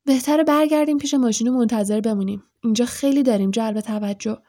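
A woman voicing a sensible, quiet boy wizard in an audiobook, speaking in a hushed, matter-of-fact way. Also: fairly high pitch, no room sound, studio quality. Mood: plain. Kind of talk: audiobook character voice.

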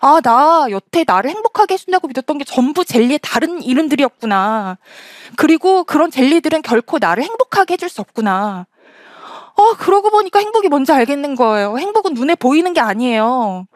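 Lively woman telling a stage talk story. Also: sits high, brisk, no echo, studio quality. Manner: animated, acts out children's and her own quoted lines. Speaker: speaker at a lecture stage.

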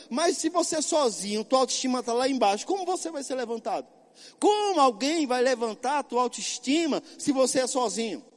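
A man's voice: extremely high pitch, long reverb tail. A middle-aged male pastor preaching a sermon, emphatic, often asking and answering his own questions.

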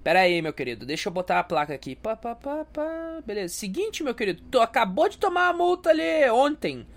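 A man's voice: very high-pitched, big pitch swings, fairly quick, a bit bright, heavily acted. A man voicing a blunt, slangy traffic cop writing up a fine. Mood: matter-of-fact. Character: casual traffic cop, blunt and matter-of-fact.

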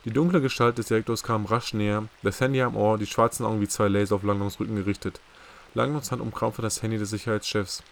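A man narrating a novel chapter as a hobby audiobook, with steady, measured storytelling. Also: fairly low pitch, creaky. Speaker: audiobook reader.

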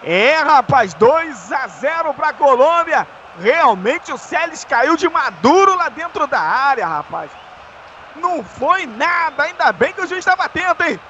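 A Brazilian man calling a live football match in an excitable, explosive goal-commentary manner, with shouts and drawn-out words. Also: extremely high pitch, dull audio. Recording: noisy live sports broadcast.

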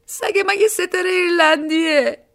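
A woman's voice: very high-pitched, gravelly, a bit bright, voice pushed up, heavily acted. A woman voicing a distraught lady at an airport, shrieking and crying over her lost dog. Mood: shrill, tearful. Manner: shrieking through tears. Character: shrill sobbing woman whose dog was swapped.

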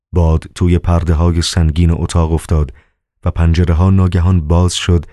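A man reads a novel aloud in a measured, calm storytelling manner. His voice is very low and dark. The recording is dry and close. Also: no echo. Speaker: narrator. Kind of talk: audiobook narration.

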